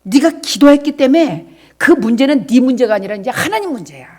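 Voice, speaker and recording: A middle-aged woman pastor preaches with a high, ringing voice. She drops to quiet, chatty asides with her congregation, then rises into loud, shouted exhortation. She voices God's words as if speaking them herself. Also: lively intonation, brisk. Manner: acts out God's words in direct speech. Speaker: senior pastor. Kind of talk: sermon.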